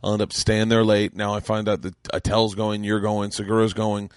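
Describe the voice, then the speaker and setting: A man's voice: lowish voice, a little fast, smooth, no room sound, clean studio sound. A man in his thirties hosting a podcast, telling stories in casual chat and acting out the voices of people he quotes. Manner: animated storytelling, acts out quoted voices. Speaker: podcast host. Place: podcast studio.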